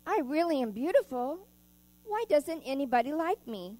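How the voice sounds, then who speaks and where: A woman's voice: sits high, sing-song, normal speed, mellow, no echo. A woman voicing a vain, proud male fish from a children's storybook, haughty and indignant. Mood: self-pitying.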